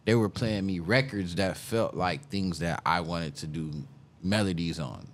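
A man's voice: sits low, a little slow. A man in his thirties from South Florida, a musician guest talking casually in an interview, laid-back and given to repeating himself.

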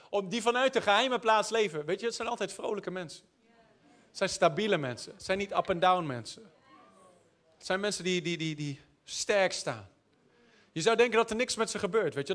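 High-voiced preacher telling stories. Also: male voice, fairly bright tone. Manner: storytelling, jokey asides, repeats words when searching. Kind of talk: sermon.

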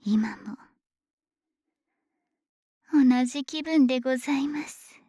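A woman's high voice, breathy and whispery, plays an obsessive, possessive dragon maid in a Japanese ASMR situation drama. She speaks slowly in polite honorific servant phrases, doting and gloating with a softly teasing menace. The close-mic studio recording is dry.

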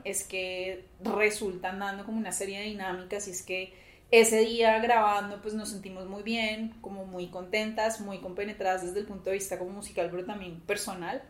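A woman with a Colombian accent talking reflectively in an interview, explaining things in long, articulate sentences. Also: medium pitch. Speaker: musician in a women's collective. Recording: echoey, reverberant room.

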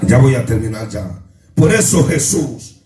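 A man preaching as pastor, leading call-and-response and breaking into shouted, sung lines. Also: mid-range voice, expressive, unhurried. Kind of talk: sermon. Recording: echoey room from far off, music behind.

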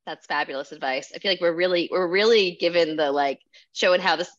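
A woman with a somewhat low voice moderates a panel. She speaks conversationally, affirming others with enthusiasm and opening up the discussion. The recording is a little dull. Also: fairly quick, fairly bright tone.

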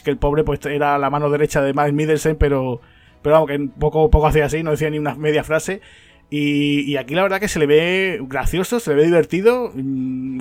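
A man chats about a film at high speed, lively and eager, often checking in with his listener. His voice sits a little high. The recording is dry and close. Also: no room sound. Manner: quick, animated, keeps asking "¿no?". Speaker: podcast co-host. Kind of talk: casual film discussion.

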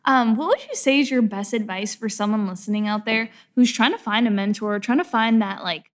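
A woman's voice: a little high, brisk. A young woman from a small town in Canada hosts a podcast, sounding enthusiastic and chatty and often saying "like". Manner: enthusiastic, chatty, says "like" a lot. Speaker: podcast host. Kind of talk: podcast interview.

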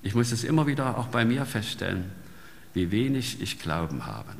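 A man's voice: on the low side, sing-song, moderate pace, vocal fry. A man preaching a sermon in a conversational way, often ending sentences with a questioning "ne?". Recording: long reverb in a large hall.

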